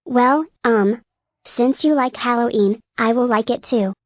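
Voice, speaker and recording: A woman voicing a gentle young cartoon number character in a fan cartoon, speaking softly and earnestly. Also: on the high side, unhurried, heavy background noise, lightly acted.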